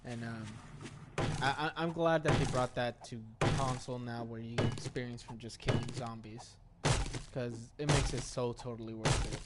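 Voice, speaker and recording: A man's voice: medium pitch, fairly even intonation, moderate pace. A man giving casual gameplay commentary as a streamer, rambling and often stammering and restarting his sentences. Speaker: game streamer. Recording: loud game noise underneath.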